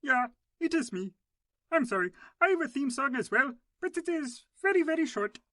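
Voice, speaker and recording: A man's voice: extremely high pitch, big pitch swings, moderate pace, bright, forceful tone, dry recording, clean studio sound, full character voice. A man voicing an eager superhero. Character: eager male German superhero.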